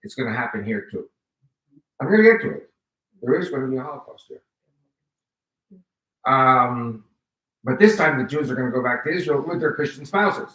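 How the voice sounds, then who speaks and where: A man in his seventies from the United States, whose first language is Spanish, gives an animated personal testimony to a live audience as a guest speaker. His medium-pitched voice is bright and forceful, moving at a moderate pace with frequent pauses, and he acts out quoted exchanges. He's recorded from afar in a roomy, echoing hall.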